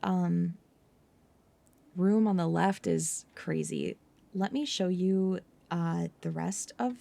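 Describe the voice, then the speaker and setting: A woman hosting a casual ASMR livestream in a hushed, playful, teasing way, often slipping into a whisper. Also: fairly low pitch, slow, vocal fry. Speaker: livestreamer host.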